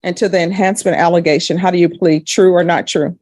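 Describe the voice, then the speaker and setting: Formal woman judge, somewhat low-voiced. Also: fairly even intonation, fast, a little mellow, no room sound. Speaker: judge presiding over a court hearing. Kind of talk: formal courtroom questioning and rulings. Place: courtroom.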